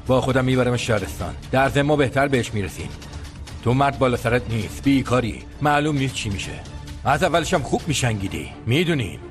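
An actor playing a coarse, threatening uncle just out of prison, bullying and rough. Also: male voice, mid-range voice, close to an everyday voice. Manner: rough, bullying, shouting in anger. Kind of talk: film drama dialogue.

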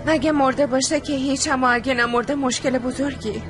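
A woman's voice: sits high, steady tone, music in the background, lightly acted. An actress playing a worried, insistent young woman in a dubbed TV drama. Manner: anxious, insistent. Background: drama score.

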